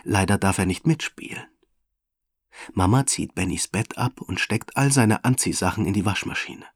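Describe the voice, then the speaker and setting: A man reads a children's story aloud in a calm, evenly paced way. His voice is low and a little breathy. The recording is dry and close. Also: moderate pace, no room sound. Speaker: narrator.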